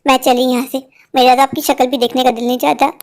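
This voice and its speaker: A woman's voice: high-pitched, flat delivery, fast talker. A woman voicing a bold, cheeky young daughter-in-law in a cartoon, who throws defiant retorts. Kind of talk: cartoon voice acting.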